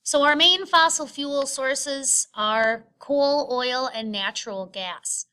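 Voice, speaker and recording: A woman teacher narrating a screen-recorded lecture, explaining step by step in a halting way with frequent filled pauses. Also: high voice, sharp tone. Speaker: science teacher. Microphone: screen recording voice-over.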